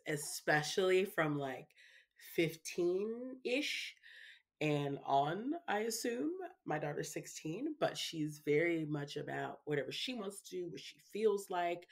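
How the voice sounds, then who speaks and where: A woman's voice: sits low, animated, slow pace. Chatty woman podcast guest. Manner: chatty, peppers speech with "you know" and "right". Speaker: guest, parenting speaker. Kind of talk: casual interview chat.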